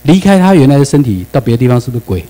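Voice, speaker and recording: A man's voice: mid-range voice, sing-song, very fast, warm tone, poor audio. A man lecturing a class in Taiwanese-accented Mandarin, firing rhetorical questions at the room and slipping English words into his speech.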